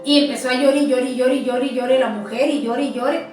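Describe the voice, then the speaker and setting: A woman in a church talk, telling testimonies with animated storytelling and repeating words for emphasis. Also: high voice, racing. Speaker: church speaker. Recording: echoey room, distant mic, soft music.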